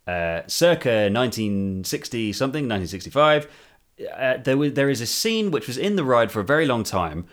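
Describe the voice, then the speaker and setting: A man co-hosting a podcast in casual chat, laughing often and making quick asides. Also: mid-range voice, big pitch swings. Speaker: podcast co-host.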